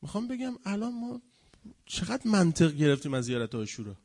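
Animated man giving a religious lecture. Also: high-pitched, husky. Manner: animated, mocking impressions, swings between loud and quiet.

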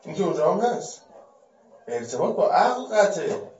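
A man with a high voice preaches a religious lecture. He fires off rhetorical questions and swings between forceful and hushed delivery. He is heard from a distance in a roomy, echoey space, and the recording sounds dull. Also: very animated, slight background noise. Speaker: religious speaker.

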